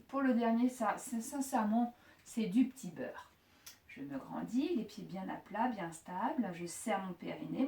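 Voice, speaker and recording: A woman leads a Pilates session at an unhurried pace, calmly cueing inhales and exhales and slipping in playful jokes. Her voice comes from a distance in a roomy, echoing space. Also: medium pitch. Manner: calm counting of breaths, joking asides. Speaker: fitness instructor. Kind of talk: guiding a Pilates class. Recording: echoey room, voice from far off.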